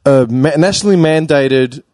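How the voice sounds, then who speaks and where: A man's voice: fairly high pitch, normal speed, dark tone, no room sound, clean studio sound. An Australian man hosting a casual chat, joking and swearing freely. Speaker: podcast host.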